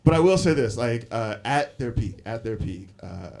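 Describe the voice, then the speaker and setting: A man in his forties telling stories in a live stand-up set, animated and laughing often between lines. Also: medium pitch, moderate pace, gravelly. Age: 40s. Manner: animated storytelling, frequent laughs and fillers. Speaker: stand-up comedian. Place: comedy club stage with audience. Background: audience laughter.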